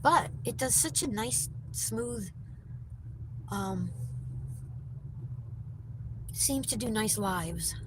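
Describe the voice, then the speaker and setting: A woman with a mid-range voice, lively intonation, drawn-out words, and frequent pauses livestreams on her phone while driving. As a vlogger, she chats casually with viewers and answers their comments on the road. The phone is mounted in the car, and loud car and road noise fills the recording.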